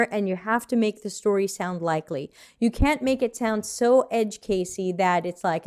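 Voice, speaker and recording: A woman's voice: fairly high pitch, a little mellow. An American woman teaching a live online design lesson in a chatty, conversational way, answering viewer questions as she goes. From United States.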